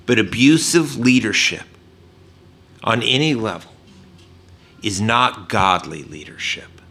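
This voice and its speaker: A man preaching a sermon in an earnest tone, with frequent "uh" fillers and points he drops low and soft for emphasis. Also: animated, slow pace. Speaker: pastor.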